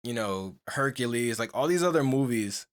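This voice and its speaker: Speaking at normal speed with lively intonation and a mid-range voice, a young man chats casually as a podcast co-host. He rambles, keeps restarting, leans heavily on "like" and other fillers, and often laughs.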